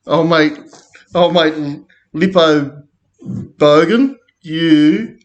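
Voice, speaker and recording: A man with an Australian accent talks through trading charts in a loose, rambling way, full of slang and fillers. He takes his time, drawling his words out slowly at a mid-range pitch. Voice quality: laid-back, slangy, rambling. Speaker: crypto chart commentator. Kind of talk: casual chart commentary.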